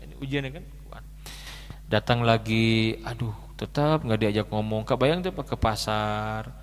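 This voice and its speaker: A man preaching a storytelling sermon, moving between loud exclaiming and soft hushed telling, reciting Arabic verses and translating them. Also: medium pitch, big-room sound.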